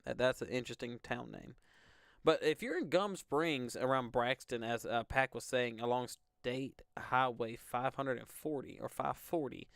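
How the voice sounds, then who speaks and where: A man's voice: mid-range voice, normal speed, gravelly, a bit bright, no echo, studio quality. A young man from Alabama, hosting live weather coverage in a casual, rambling way with lots of fillers. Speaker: weather stream host.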